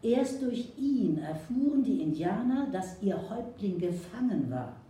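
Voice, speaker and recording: Woman, audiobook narration, expressive, slow, mellow, echoey distant room. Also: mid-range voice. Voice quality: lively, expressive reading. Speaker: audiobook reader. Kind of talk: scripted narration.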